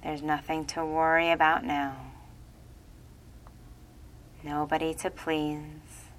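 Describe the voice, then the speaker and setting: Slow, low-voiced woman guiding hypnosis. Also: level tone, fairly bright tone, slight background noise. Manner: slow soothing repetitive delivery. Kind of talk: guided relaxation hypnosis script.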